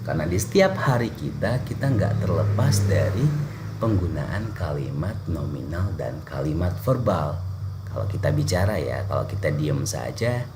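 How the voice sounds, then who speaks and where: Man, Indonesian accent, English teacher, very low voice, lively swings in pitch, faint background hiss. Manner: switches between Indonesian and English, playful examples. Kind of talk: bilingual classroom lesson over slides.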